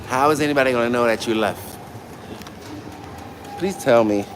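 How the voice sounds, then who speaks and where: Speaking at a normal speed in a mid-range voice, this man roams a public library building on a casual livestream. His talk to viewers is blunt, slangy and full of profanity, captured on a noisy handheld live feed.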